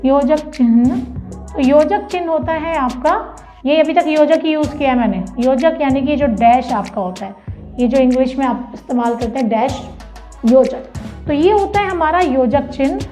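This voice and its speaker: A woman with a high voice gives a grammar lesson for children. She explains slowly and patiently, repeats key words and asks the class questions. Soft music plays faintly under her voice. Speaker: teacher.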